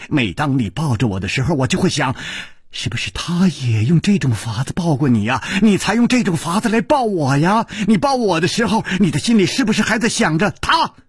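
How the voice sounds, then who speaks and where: A man's voice: a little high, wildly swooping pitch, slow pace, pauses often, no echo, studio quality, heavily acted. A man putting on a coy, teasing young woman. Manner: coy, purring, slips into breathy whispers. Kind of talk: audiobook character voice.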